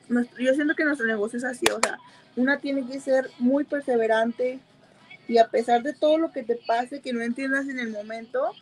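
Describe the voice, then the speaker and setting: A woman's voice: on the high side, poor audio. A woman with a Mexican accent who chats casually while applying makeup, giggling and leaning on fillers as she talks. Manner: chatty, giggly, full of o sea fillers. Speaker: makeup seller and host.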